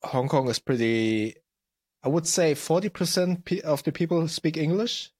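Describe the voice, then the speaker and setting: A man's voice: fairly high pitch, normal speed, a little mellow, slightly rough, no echo, studio quality. A man from Germany hosting a podcast, asking short, hesitant questions in a casual interview. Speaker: podcast host.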